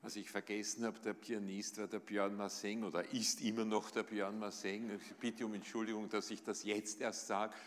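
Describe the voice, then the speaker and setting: A man hosting a stage event, announcing in a chatty, slightly halting way. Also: on the low side, level tone. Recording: reverberant hall, audience noise.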